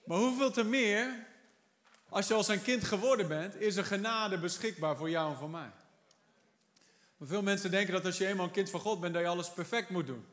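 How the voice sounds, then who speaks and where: A man preaching a sermon with fervent emphasis, moving between quiet remarks and stretched, emphatic words. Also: high voice, fairly quick. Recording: long hall reverb.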